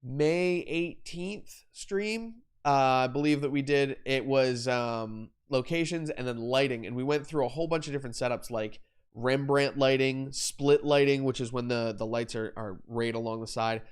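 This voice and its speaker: A young man talks casually on a live stream, walking through lighting setups, with many fillers and restarts. His voice is smooth and clear, pitched in an ordinary middle range. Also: fairly even intonation, moderate pace. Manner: rambling, self-correcting, explains while demonstrating. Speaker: photography livestream host.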